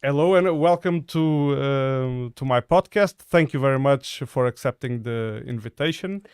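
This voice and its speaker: A man's voice: medium pitch, normal speed, a little mellow, clean tone, no echo, clean studio sound. Hesitant man hosting a podcast. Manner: hesitant, many uh fillers and restarts. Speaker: podcast host. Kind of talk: casual interview talk.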